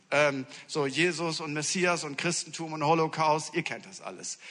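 A man's voice: sits high, sharp tone, in a large hall. A male preacher giving a sermon, telling funny stories to his congregation. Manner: humorous anecdotal storytelling to a congregation.

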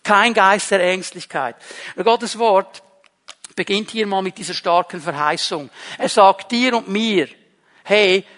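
A man's voice: high-pitched, a little slow, a bit bright, long reverb tail. A man with a Swiss German accent, preaching a sermon as pastor, emphatic and repeating key phrases. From Switzerland.

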